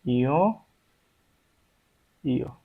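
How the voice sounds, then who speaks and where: Slow-speaking male language teacher, lo-fi. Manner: explains stroke by stroke, repeats syllables aloud. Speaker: Japanese teacher. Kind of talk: slow step-by-step lesson. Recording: dull lo-fi recording.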